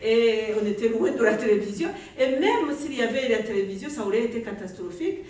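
Rwandan-accented woman author, a touch high, halting speech, recorded from far off in a very reverberant room. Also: animated, a little mellow. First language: Kinyarwanda. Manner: hesitant, often searching for words. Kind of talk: conversation at a book presentation. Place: bookshop event room. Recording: very echoey room, voice far from mic.

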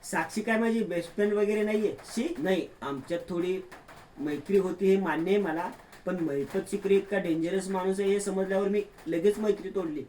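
A man's voice: high-pitched, a little fast, warm tone, a little hiss or hum, close to an everyday voice. Man voicing a bossy scheming young woman. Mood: defensive. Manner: curt, commanding.

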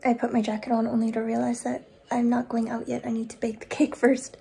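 A young woman vlogging casually at home into a handheld phone. Her voice sits fairly high but stays soft-toned and mellow, often dropping into vocal fry. She rambles in a chatty way, as if thinking out loud. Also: monotone, a little fast. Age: young adult. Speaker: vlogger, small business owner. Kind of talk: casual chatty vlog to camera. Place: rooms of a home, bedroom and kitchen. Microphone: phone at arm's length.

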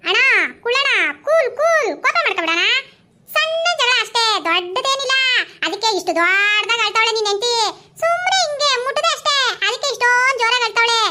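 A woman acting a sly, smooth-talking village woman in a comedy skit, coaxing and quick to retort, with a Mandya Kannada accent. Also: very high voice, lively intonation, very noisy. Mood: wheedling.

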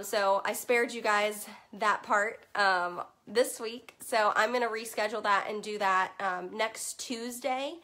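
Talking to a live group from her home, in front of packed bookshelves, this young Virginian children's book consultant and host has a bright, forceful voice of medium pitch. Allergies are costing her that voice. She's upbeat and chatty, greets viewers by name, uses plenty of "um"s, and her webcam sits at desk distance.

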